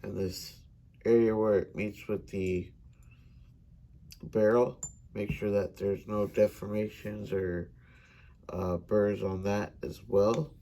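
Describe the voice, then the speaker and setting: A slow-talking American man walks through a hands-on demonstration, pausing often with fillers. His voice sits low and carries a gravelly rasp. He sounds like a student presenting a practical lesson. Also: little pitch movement, warm tone. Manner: unhurried, hesitant with fillers. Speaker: gunsmithing student. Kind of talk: instructional demonstration.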